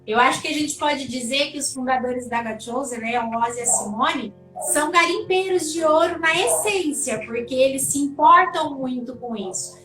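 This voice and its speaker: A woman in her forties with a Brazilian Portuguese accent speaks in a high, chatty, heartfelt way. She sounds set back from the mic in an echoey room. Faint music plays behind her. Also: normal speed, recorded from a distance. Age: 40s. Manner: chatty, heartfelt, uses fillers like "né". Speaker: livestream host. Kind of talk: casual conversational interview.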